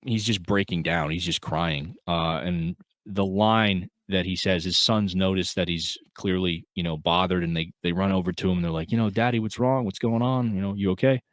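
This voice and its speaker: Earnest low-voiced man reviewing films. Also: dry recording. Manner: earnest, rambling with many fillers and restarts. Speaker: podcast co-host. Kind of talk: casual film review chat.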